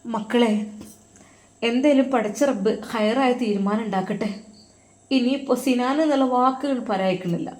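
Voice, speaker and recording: A caring elder sister-in-law, as a woman storyteller puts her on, speaks with a Malappuram accent. Her voice sits a little high, and her talk is pleading and tearful. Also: normal speed, long pauses, a little mellow, close to an everyday voice. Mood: sorrowful. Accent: Malappuram Malayalam.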